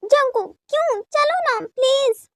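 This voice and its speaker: A woman's voice: extremely high pitch, lively intonation, fast, dry recording, studio quality. A woman voicing a young husband who keeps apologising and coaxing his angry wife, in a dubbed fan story. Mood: pleading. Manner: coaxing, soft begging. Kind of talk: dubbed fan story, all voices by one reader.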